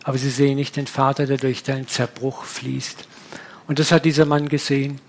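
A man preaching, telling a personal testimony in a lively storytelling manner. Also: mid-range voice, brisk, a little hiss or hum. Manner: animated storytelling, acting out dialogue.

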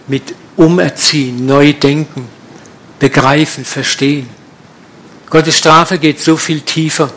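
Mann, Prediger, direkter Ton, etwas höhere Stimme, Predigt mit Folien. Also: male voice, a little high, fairly bright tone, a little hiss or hum. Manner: direct, colloquial, blunt preaching. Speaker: preacher. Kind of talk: sermon with slides.

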